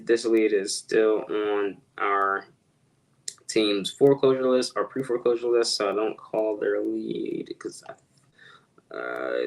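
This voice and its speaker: A man's voice: fairly low pitch, creaky, low-quality recording. A man talking casually to his viewers as he makes real estate cold calls, rambling and correcting himself as he goes. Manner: rambling, self-correcting, addresses viewers directly. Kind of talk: casual vlog talk to viewers.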